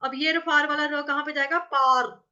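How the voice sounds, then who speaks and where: A woman teaching Sanskrit verse pronunciation, patiently repeating syllables, chanting lines slowly and asking if everyone follows. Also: high voice, level tone, bright, forceful tone, lo-fi sound. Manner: patient, repeats syllables and asks checking questions. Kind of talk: recitation lesson with chanted verse examples.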